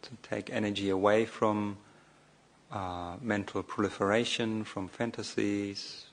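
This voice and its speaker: With a fairly low pitch and a level tone, a man leads a guided meditation as a monk. He speaks off the cuff, keeping his phrases short and measured and pausing long and hesitantly.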